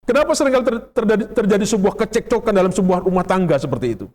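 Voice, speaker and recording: A man's voice: high voice, animated, racing, a little mellow. A man with an Indonesian accent, a pastor preaching a sermon in a conversational way, often putting questions to the congregation. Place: church sanctuary. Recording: long reverb of a church hall.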